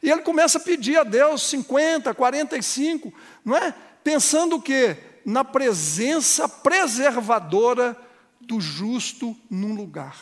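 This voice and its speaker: Pastor guy preaching, really high voice, big echoey church hall. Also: expressive, a little slow. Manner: preaching with rising emotional emphasis; acts out dialogues with congregants. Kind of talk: sermon. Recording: long hall reverb.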